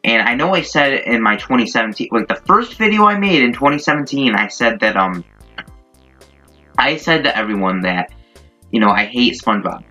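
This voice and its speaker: Speaking at a moderate pace in a mid-range voice that is expressive, pushed and bright, a young man rambles through an informal YouTube story with a bit of profanity. Background music plays, and the lo-fi mic sounds dull.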